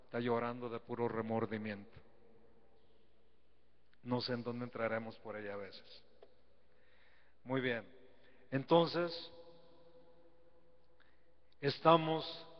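A priest giving a folksy sermon at Mass. He teases his listeners, asks rhetorical questions and calls on the congregation to answer, then leads a prayer. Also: medium pitch. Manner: folksy, teasing preaching. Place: church sanctuary. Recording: dull lo-fi live stream with long church reverb.

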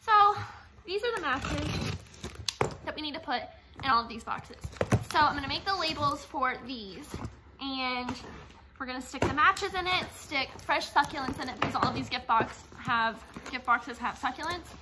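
A woman's voice: sits high, moderate pace, very noisy. Chatty young woman vlogging from her phone. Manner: chatty, filler-heavy, frequent "like" and "um". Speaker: gift box business owner. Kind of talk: casual vlog chat. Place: inside a parked car, then a small warehouse office. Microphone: phone camera held at arm's length.

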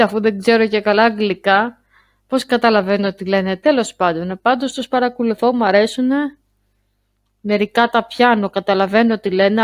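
A woman talking casually to her viewers in a vlog, chatty and halting, full of fillers and restarts. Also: medium pitch, no room sound. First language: Greek. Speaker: YouTuber. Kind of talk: casual screen-share vlog.

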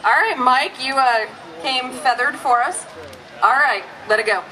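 A woman's voice: high voice, a little slow, sharp tone. A woman emceeing a live contest on an outdoor stage with a handheld microphone, in a playful, teasing manner. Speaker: contest host. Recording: noisy outdoor crowd, live PA.

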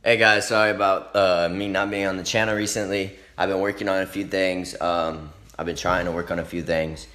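A man's voice: deep voice, flat delivery, a little fast, hardly any pauses, a bit bright, low-quality recording. A man chatting casually into a handheld phone for his vlog, rambling with lots of fillers. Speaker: vlogger. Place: at home, then a school cafeteria.

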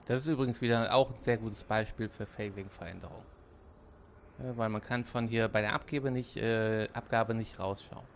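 A man's voice: fairly low pitch, steady tone, moderate pace, slight background noise. A man hosting a let's play, casually commenting on his game as he goes. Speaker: gaming let's play host.

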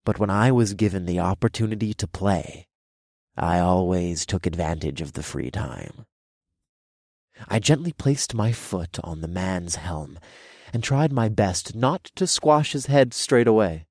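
A man narrating an audiobook in the first person, with a dark, gloating storytelling manner. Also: deep voice, lively intonation, unhurried, no echo, clean studio sound.

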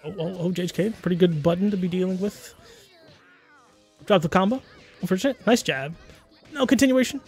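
A man in his twenties commentating a fighting game stream in a casual, laughing way, with quick excited calls of the action. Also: high voice, slightly rough, faint music behind. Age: 20s.

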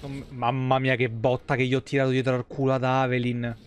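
A man from Italy gives live game commentary in a medium-pitched, monotone voice, talking a little fast, with slight background noise. Despite the flat tone, his remarks are casual, slangy and playful, with mock exclamations, streamed from a small indoor setup.

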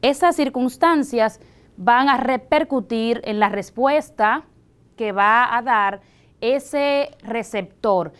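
A woman teacher with a Dominican accent, explaining a language lesson for television slowly and deliberately, step by step. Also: on the high side, fairly bright tone, clear, resonant tone.

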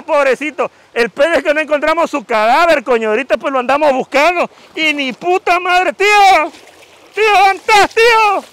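A man's voice: very high voice, fairly bright tone. A man voicing a brash, foul-mouthed comic superhero, answering fan questions in a crude, mocking vlog outdoors by a river. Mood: loud, rowdy. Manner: crude, mocking, full of insults and slang.

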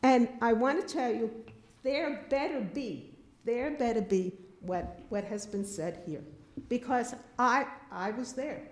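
A woman's voice: a little high, unhurried, a little mellow. An older woman giving an indignant, emphatic public comment at a town board meeting, speaking into a podium microphone in a meeting room. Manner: indignant, emphatic, repeats herself. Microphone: podium microphone, filmed from a distant camera.

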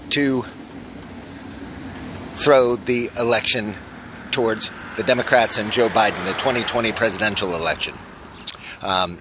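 A man's voice: on the low side, bright, forceful tone, slight background noise. A man in his forties vlogging to a phone held at arm's length on a city street at night, earnest and urgent, posing rhetorical questions. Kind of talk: selfie street vlog monologue.

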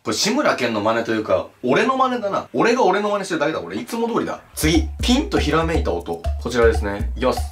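A young man hosting a casual comedy video, joking and complaining with quick swings in his voice. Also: on the high side, wildly swooping pitch, faint music behind. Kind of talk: casual comedic chat with impressions.

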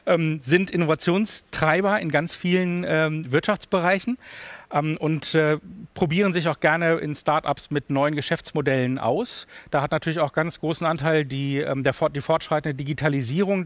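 A man's voice: fairly high pitch, dry recording. A man moderating a panel discussion, speaking with many fillers as he poses a question.

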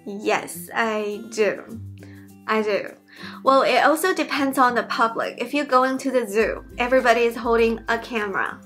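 Faint music sits behind this young woman's fairly high, somewhat bright voice as she talks at a normal speed. A PhD student and YouTuber with a Mandarin Chinese accent, she handles a Q&A in her bedroom, casual and earnest, with many restarts.

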